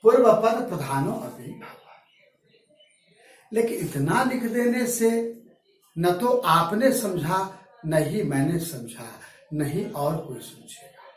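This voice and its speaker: A man teaching Sanskrit grammar in a classroom, repeating key terms slowly and asking and answering his own questions. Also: high-pitched, expressive. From Bihar, India. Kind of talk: classroom lecture. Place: echoey classroom. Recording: very echoey room from far off, faint music.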